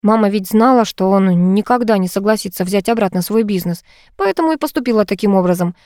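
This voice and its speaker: A woman's voice: medium pitch, a little fast, a little mellow, dry recording, studio quality, natural voice. A woman voicing an earnest, worried young married woman in an audiobook. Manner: anxious, earnest.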